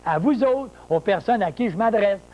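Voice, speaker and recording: A man gives a grammar lesson straight to camera. His voice sits high for a man, and he explains at an unhurried pace. He repeats key words, spells terms letter by letter and answers his own rhetorical questions. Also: animated, muffled recording. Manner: slow, deliberate explaining with many repetitions and rhetorical questions. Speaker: French grammar teacher.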